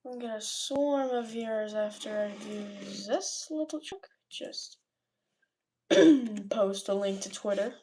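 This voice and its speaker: A woman's voice: on the high side, slow pace, dark tone, a little hiss or hum, low-quality recording. A woman giving casual, sarcastic commentary on weather posts as she browses, swearing freely. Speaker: weather streamer.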